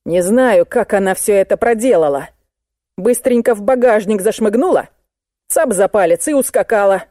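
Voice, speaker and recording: A woman's voice: mid-range voice, expressive, moderate pace, dark tone, dry recording, studio quality, close to an everyday voice. A woman voicing a male patrol sergeant who grumbles and blusters in an audiobook.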